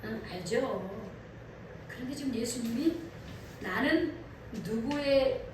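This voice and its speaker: A woman pastor preaching a sermon in a church, animated and asking her congregation questions. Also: a little high, slow pace, noisy background. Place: church sanctuary. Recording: echoey hall from far off.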